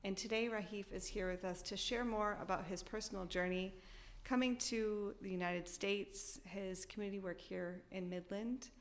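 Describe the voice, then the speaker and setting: A woman hosting a community interview podcast, introducing her guest in a clear, friendly way. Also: mid-range voice, steady tone, normal speed. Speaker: podcast host.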